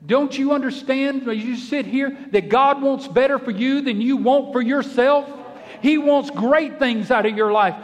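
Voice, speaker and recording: Male pastor, high voice, folksy animated sermon, long church reverb. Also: a little slow.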